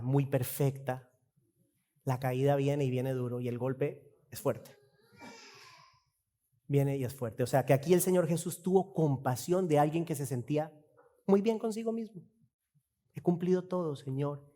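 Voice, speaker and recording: A man's voice: medium pitch, mellow, long reverb tail. A man preaching an expository sermon as pastor, asking rhetorical questions and acting out dialogue. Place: church.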